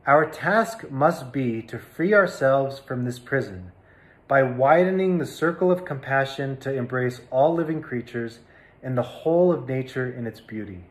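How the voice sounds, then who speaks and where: Guy giving a calm reflective talk on tea, slow and thoughtful, lots of ums, middle pitch. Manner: slow, thoughtful, with pauses and fillers. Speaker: tea teacher.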